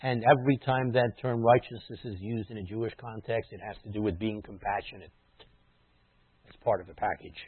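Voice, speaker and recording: A man preaching a sermon in a teacherly way, explaining words and dropping into quiet asides. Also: on the low side, steady tone, a little fast, slightly rough, dry recording. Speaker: messianic rabbi preaching. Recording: dry tinny phone-like sound.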